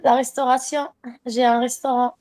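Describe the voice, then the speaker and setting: A woman in her late twenties chatting casually on a video call, answering questions calmly and briefly. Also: high voice, normal speed. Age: 20s. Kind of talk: casual chat.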